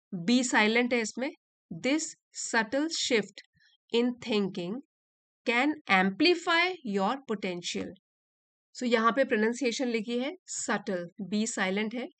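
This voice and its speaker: A woman teacher who reads each line slowly and clearly, then explains it patiently. Her voice sits a little high. The recording is close and dry, with no room echo. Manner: slow, careful reading of English lines, then patient explanation. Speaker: English teacher. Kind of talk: explaining an English reading passage in Hindi.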